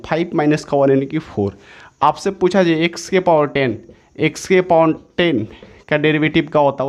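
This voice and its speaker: Guy w/ an indian going over maths formulas, kinda high voice, says everything twice. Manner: repetitive, restates each step several times; self-correcting, says sorry mid-explanation. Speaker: maths teacher. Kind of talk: exam-prep maths lesson.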